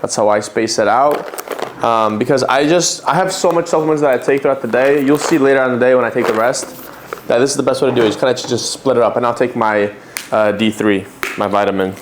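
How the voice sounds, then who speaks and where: A man with a middle-pitched voice chats loosely to the camera in a home fitness vlog, drifting between thoughts with frequent ums and self-corrections. His delivery is relaxed and unscripted. A faint background noise sits under the voice. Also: quick pace. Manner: rambling, loose, lots of fillers and self-corrections. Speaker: fitness vlogger. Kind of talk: casual vlog chat.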